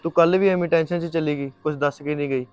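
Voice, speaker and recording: A man's voice: on the high side, fairly even intonation, racing, a little mellow, smooth, soft background music, close to an everyday voice. A man playing a caring college friend. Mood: concerned. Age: young adult. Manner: caring and reassuring. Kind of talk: short film acting.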